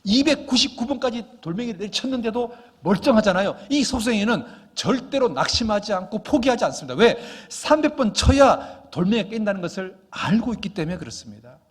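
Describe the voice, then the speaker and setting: Husky-voiced male pastor preaching. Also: sits high, very animated, a little fast, few pauses. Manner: emphatic, repetitive preaching with rhetorical questions. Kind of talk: sermon.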